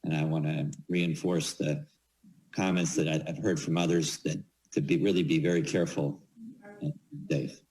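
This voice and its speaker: A man giving informal ceremonial remarks as an official, halting and repeating words as he goes. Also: very deep voice, level tone, darkish tone, low-quality recording. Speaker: official speaking at swearing-in ceremony.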